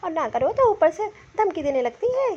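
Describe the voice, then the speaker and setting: A woman's voice: very high-pitched, very animated, normal speed, a little mellow, pitched below the performer's own voice. A woman voicing a weary, grumbling elderly mother-in-law in a cartoon who mutters complaints to herself. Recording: dull lo-fi sound.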